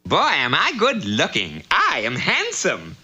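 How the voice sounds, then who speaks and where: Spoiled cartoon prince villain, whiny and boastful, voice jumping all over, sharp and bright. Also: medium pitch, wildly swooping pitch, unhurried, slightly rough, heavily acted. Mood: smug. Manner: boastful, petulant. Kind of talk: exaggerated cartoon voice acting. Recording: old TV cartoon soundtrack.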